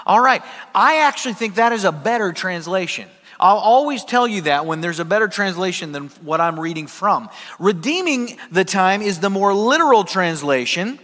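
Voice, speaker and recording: A male pastor preaching a sermon, telling a humorous personal story with lively, animated delivery in a church. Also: high-pitched. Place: church sanctuary. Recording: reverberant church hall.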